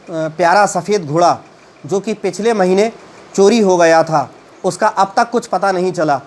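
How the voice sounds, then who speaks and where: Here a man with a high voice works through a story lesson, slowly reading English lines aloud. Then comes a halting, filler-heavy retelling and explanation.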